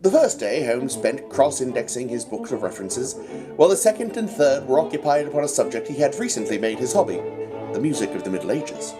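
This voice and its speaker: A man's voice: mid-range voice, sing-song, a little fast, music in the background, lightly acted. A man playing a genteel, patient doctor and narrator in an audio drama, speaking in a formal storytelling manner. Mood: reflective, formal. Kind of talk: radio-style audio drama acting.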